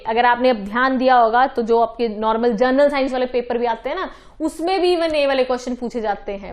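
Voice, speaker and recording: High-voiced woman teaching exam biology. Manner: mixes English terms into Hindi, quick self-corrections. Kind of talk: exam-prep lecture solving questions.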